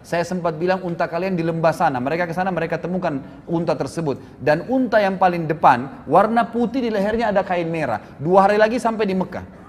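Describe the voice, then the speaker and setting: A man preaching a sermon in a mosque, telling a story and acting out the quoted lines with lively shifts in his voice. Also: a little hiss or hum. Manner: animated, acts out quoted speech with shifting pitch. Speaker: Islamic preacher. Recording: distant reverberant hall recording, faint ambience.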